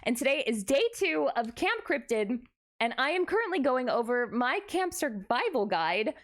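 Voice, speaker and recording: A woman's voice: sits high, sing-song, normal speed, fairly bright tone. A woman hosting a casual livestream, chatting playfully back and forth with her viewers. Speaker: variety streamer, VTuber host.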